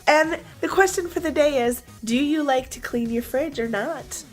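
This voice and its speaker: A woman's voice: high-pitched, moderate pace, soft background music. A young woman vlogging as she cleans her fridge, chatty and upbeat, talking straight to her viewers while her voice is partly gone. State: voice partly lost. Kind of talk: casual cleaning vlog.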